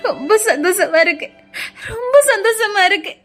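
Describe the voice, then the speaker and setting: A woman's voice: very high-pitched, lively intonation, moderate pace, fairly bright tone, soft background music. A woman voicing a loving young village wife in a cartoon, with a Tirunelveli Tamil accent, asking anxious, tearful questions. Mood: tearful joy.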